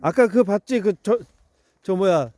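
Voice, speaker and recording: A man with a very high, animated voice takes his time over his words. He chats casually outdoors, teasing and calling out short cheers. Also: unhurried, no echo. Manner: exclamatory, teasing. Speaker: friend filming and cheering. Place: outdoors in winter.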